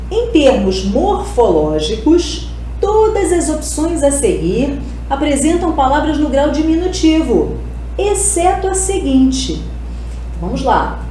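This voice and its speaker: A woman's voice: high-pitched, dark tone. A woman from Brazil, a Portuguese teacher, going through exam questions step by step and answering her own questions. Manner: explains step by step, asks and answers herself. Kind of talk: exam-prep video lesson. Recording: very echoey room, faint hiss.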